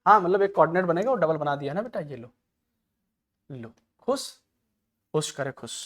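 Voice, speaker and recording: Slightly high, expressive and a bit bright, this man's voice moves at normal speed as he teaches chemistry for exam prep. He poses questions only to answer them himself, and he fondly addresses students as "beta."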